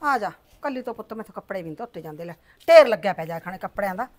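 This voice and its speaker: A woman's voice: lively intonation, darkish tone, natural voice. A middle-aged woman playing a nagging village mother and wife who scolds her husband and frets over her daughter's wedding. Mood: worried. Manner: scolding, rapid and shrill.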